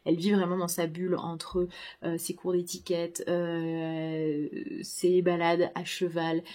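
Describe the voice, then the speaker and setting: A woman book vlogger chatting casually as she unboxes books. She talks in a halting way, full of fillers and restarts, and gushes with enthusiasm. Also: lowish voice, completely flat delivery, warm tone. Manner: gushing enthusiasm.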